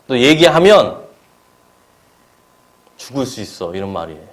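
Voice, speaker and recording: A man's voice: medium pitch, sing-song, normal speed. A male preacher at a church service, preaching a sermon and asking the congregation paired questions. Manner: asks the congregation question-and-answer pairs.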